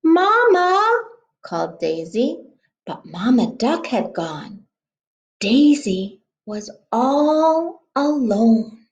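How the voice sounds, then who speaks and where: A woman teacher reading a picture book aloud to children, gentle and expressive, pausing to ask questions. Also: fairly high pitch, highs cut off.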